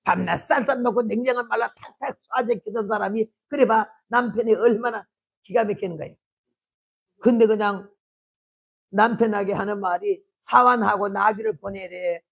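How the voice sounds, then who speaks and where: A woman in her eighties, a missionary preacher, giving a testimony sermon and telling stories that swing from hushed to shouting. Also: mid-range voice, moderate pace, gravelly, husky, lo-fi sound. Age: 80s.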